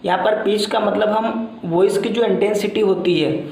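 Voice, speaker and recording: A male teacher giving a classroom lecture. He explains in repetitive, circling phrases with many fillers, and reads English lines out slowly before explaining them. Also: high-pitched, fairly even intonation, gravelly, darkish tone. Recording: very echoey room.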